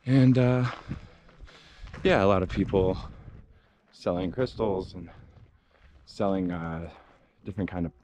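A young man with a lowish voice walks and talks in a relaxed, rambling way, with plenty of fillers and loose asides. He is outdoors at a desert campground, speaking into a camera held at arm's length, with faint noise and small handling clicks behind him. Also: measured pace, pauses often. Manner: laid-back, rambling with many fillers. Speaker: hiking vlogger. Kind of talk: casual walking vlog. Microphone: action camera held at arm's length.

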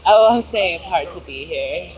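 A woman's voice: lowish voice, lively intonation, moderate pace, a little mellow, dull audio. An American woman doing a casual live interview and commentary outdoors as a citizen journalist. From United States, Los Angeles. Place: outdoors at night by a busy street memorial. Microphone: handheld phone, behind the camera.

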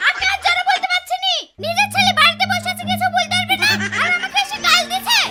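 A worn-down beggar wife complains and wails in a very high, piping voice, as a woman plays her. Loud music sounds behind her. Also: level tone, fast. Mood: fed up. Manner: complaining, wailing.

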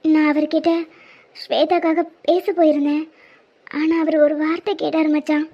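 A woman voicing a gentle, heartbroken young woman in a cartoon, speaking softly and pleading while tearful. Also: sits high, little pitch movement, normal speed. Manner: soft, pleading. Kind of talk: cartoon voice acting. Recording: dull lo-fi sound.

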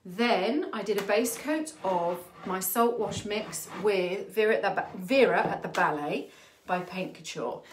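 A woman's voice: mid-range voice, a little hiss or hum. Uk lady hosting a live paint demo, winded, saying hi to everyone, roomy echo. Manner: chatty, greets viewers by name. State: out of breath. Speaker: furniture painter hosting a livestream. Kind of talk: live demo chat with viewers. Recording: echoey room.

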